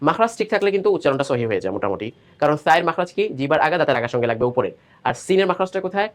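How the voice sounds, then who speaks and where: Male teacher, slightly higher voice, patient syllable drills, explains tongue placement. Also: very animated, racing. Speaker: Quran recitation teacher. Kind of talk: step-by-step pronunciation lesson.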